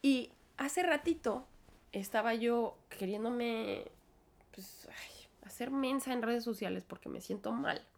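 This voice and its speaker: A woman's voice: on the high side, takes it slowly, vocal fry. Mexican woman with a cold, musing aloud. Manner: chatty and self-interrupting, with many restarts. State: has a cold and a cough. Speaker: podcast host. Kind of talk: reflective solo podcast monologue.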